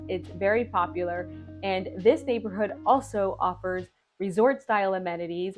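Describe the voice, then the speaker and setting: A woman from Florida giving a chatty, casual walkthrough of neighborhoods as a real estate vlogger, with informal asides. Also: mid-range voice.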